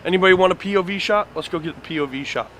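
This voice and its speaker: A man's voice: high voice, very fast, a bit bright, a little hiss or hum. A man hosting a casual walking tour of an outdoor construction site, talking enthusiastically with lots of fillers. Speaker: fan site video host.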